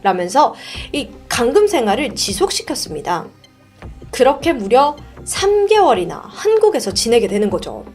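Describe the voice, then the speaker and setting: Lively chatty woman telling a story. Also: fairly high pitch, moderate pace, soft background music. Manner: chatty, animated, asks the listener questions. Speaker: storyteller host. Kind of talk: casual storytelling narration.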